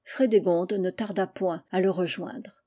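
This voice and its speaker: A woman reading a historical tale aloud as scripted audiobook narration, measured and even. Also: on the low side. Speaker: audiobook reader.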